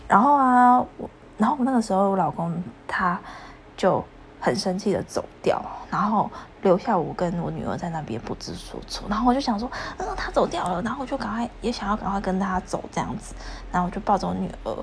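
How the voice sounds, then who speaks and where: A young woman with a gravelly edge in her mid-pitched voice. She tells the story in an animated way, then keeps pressing her husband to own up. There is faint hiss behind her. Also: a little fast. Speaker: podcast co-host. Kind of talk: casual chat.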